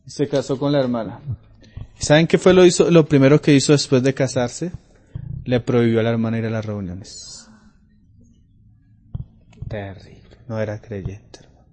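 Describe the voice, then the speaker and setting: A man preaching a sermon, talking through Bible passages and reading scripture louder. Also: medium pitch, moderate pace, pauses often. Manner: conversational Bible teaching, rising loud for scripture readings.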